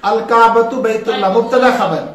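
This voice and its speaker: Male teacher, very high pitch, prompting question style, echoey classroom. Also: normal speed, fairly bright tone. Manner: quizzing, leaves words for students to finish. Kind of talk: classroom grammar lesson. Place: classroom with a board. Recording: echoey room.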